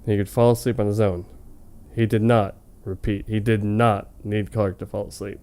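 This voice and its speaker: On a comedy web show, a man reads fan fiction aloud in a mock-dramatic style, his tone soft-edged and relaxed. His lowish voice is smooth and clear at a normal speed, and between hammy narrated lines he drops casual, amused jokes.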